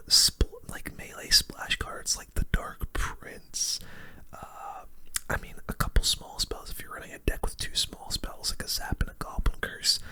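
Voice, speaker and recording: A gaming video host delivers relaxed, casual game commentary entirely in a breathy whisper, ASMR-style and close to the microphone.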